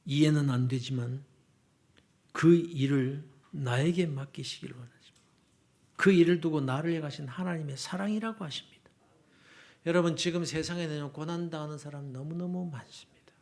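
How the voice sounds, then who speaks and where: A male pastor preaching a revival sermon in a church, passionate, swinging from loud declarations down to near-whispers. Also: fairly high pitch, normal speed, vocal fry. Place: church sanctuary.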